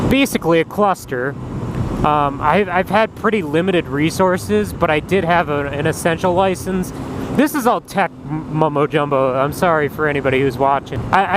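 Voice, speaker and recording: Young American motovlogger inside a helmet, loud road noise. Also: male voice, a little high. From Minnesota, United States. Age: early 20s. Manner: swears casually, thinking aloud. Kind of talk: casual rambling vlog monologue while riding. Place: outdoors on a moving motorcycle, voice inside a helmet. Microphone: helmet mic. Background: loud engine and road noise.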